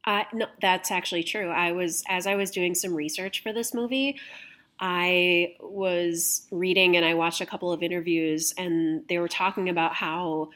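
A woman hosting a casual film podcast, relaxed and sharing researched facts with some casual swearing. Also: lowish voice, normal speed. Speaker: podcast host.

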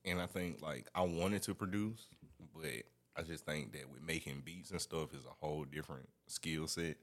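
A young man, a guest DJ, talks in a relaxed, halting way full of fillers. His voice is very deep. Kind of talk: casual chat.

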